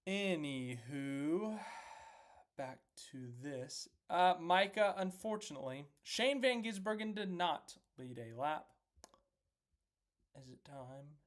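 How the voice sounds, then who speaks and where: A man hosting a casual racing recap live stream, chatty and self-deprecating, reacting out loud as he works through standings on screen. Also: high-pitched, expressive, normal speed, few pauses. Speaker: host of a racing recap livestream.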